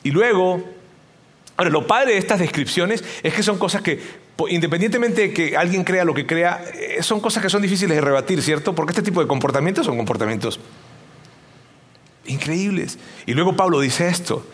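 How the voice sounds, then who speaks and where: Animated man preaching a sermon. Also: high voice, a little fast. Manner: animated, rhetorical questions, acts out voices. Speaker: pastor.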